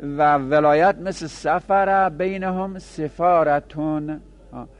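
A man teaching a grammar lesson to seminary students, chanting example words slowly and then explaining them in quick asides. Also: fairly high pitch, steady tone. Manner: addresses students directly, with small laughs. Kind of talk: classroom lecture on Arabic grammar.

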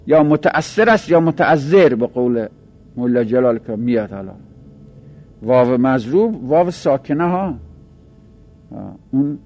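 A man teaching a grammar lesson, explaining slowly and repeating each point, stretching key terms and dropping quiet at the ends of phrases. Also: medium pitch, lo-fi sound. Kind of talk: seminary-style grammar lesson.

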